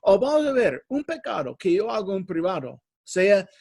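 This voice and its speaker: A man's voice: high-pitched, sing-song, moderate pace, creaky, darkish tone, breathy edge, clean studio sound. A middle-aged man preaching an earnest sermon in a church hall, often calling the listeners brothers.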